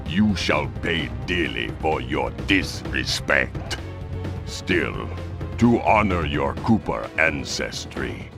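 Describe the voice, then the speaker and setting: Panda King, very deep and slow. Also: creaky, heavily acted. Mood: grandiose. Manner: grandiose, formal, threatening. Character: menacing male panda crime boss, proud and cruel. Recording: game soundtrack music behind.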